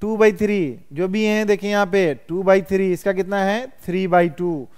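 High-voiced man teaching math. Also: steady tone, moderate pace, a little mellow, clean tone. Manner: quizzes students constantly, calls them "बउआ". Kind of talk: classroom lecture.

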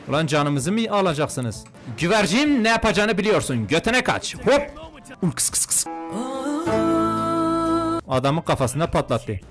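A young man giving crude, joking commentary while playing a video game, swinging between muttered remarks and mock-outraged shouting. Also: sits high. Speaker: gaming YouTuber. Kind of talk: comedic let's-play commentary.

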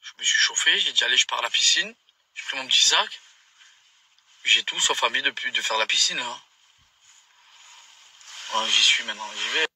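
Man, casual vlog, laid-back, offhand, bright tone, distant from the mic. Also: mid-range voice, animated, moderate pace, long pauses, slight background noise. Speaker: vlogger's partner.

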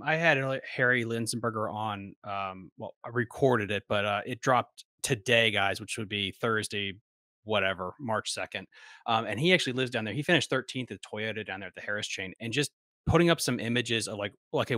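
A man's voice: mid-range voice, bright, forceful tone, no room sound, studio quality. A young man hosting a fishing podcast, talking enthusiastically in long run-on thoughts. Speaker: podcast host. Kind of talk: casual interview talk. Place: small home studio. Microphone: studio mic on desk.

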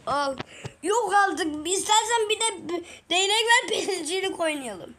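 A woman voicing several characters in a game video, excitable and teasing, full of exclamations. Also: extremely high pitch, a little slow. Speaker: gaming video creator.

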